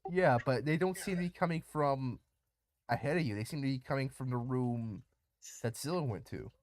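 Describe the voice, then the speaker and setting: A man's voice: mid-range voice, brisk, a little mellow. A man running a tabletop game as game master, laughing often and stalling with repeated restarts.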